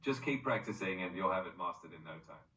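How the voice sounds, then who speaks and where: A synthetic male voice assistant with a bright, forceful tone and a somewhat low pitch, coaching pronunciation in an upbeat, encouraging way. It is played back from a distant speaker in a roomy space. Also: lively intonation, brisk. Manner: upbeat, encouraging, praises often.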